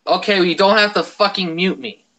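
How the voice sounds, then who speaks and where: American man, voice chat, high bright voice, swoops around, excitable, swears. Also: brisk, low-quality recording. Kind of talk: casual voice chat.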